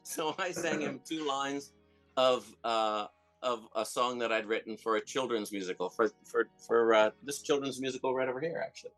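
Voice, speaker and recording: A man's voice: medium pitch, normal speed, faint music behind. Rambling, chatty man telling stories. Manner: rambling, with many restarts and fillers; animated storyteller who laughs often. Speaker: filmmaker and comedian guest. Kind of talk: casual interview chat.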